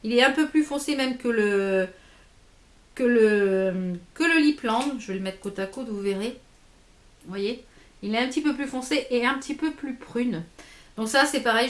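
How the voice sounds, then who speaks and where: Woman vlogger, chatty and halting, fairly high voice, recorded in an echoey room. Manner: chatty, many fillers and restarts. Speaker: beauty vlogger. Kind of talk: casual haul video chat.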